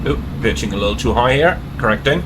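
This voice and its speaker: A man who flies as an airline pilot, speaking into a cockpit headset, running through checklists and reading back radio calls in crisp aviation phrasing while he flies a simulator. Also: mid-range voice, expressive, fast talker, very noisy.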